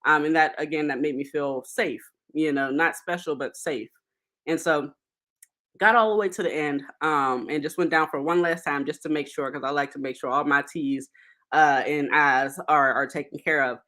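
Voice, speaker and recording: Bright-voiced woman chatting casually. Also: low voice, steady tone, moderate pace. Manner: chatty, many fillers and laughs. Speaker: podcast host. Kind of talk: casual solo podcast talk.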